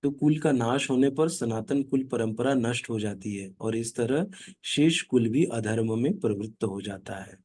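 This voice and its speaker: A man's voice: mid-range voice, darkish tone, dry recording. Dry-sounding man explaining verses in a reading group. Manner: chants verses slowly, then explains in casual talk. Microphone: online video call.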